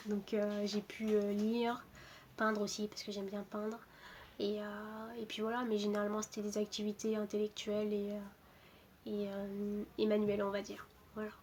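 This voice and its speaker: A woman in her twenties, from Portugal, a footballer introducing herself in a casual, hesitant way with many pauses and restarts. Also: mid-range voice, monotone, a little mellow, slight background noise. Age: 20s. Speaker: footballer interviewed. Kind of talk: casual self-introduction to camera.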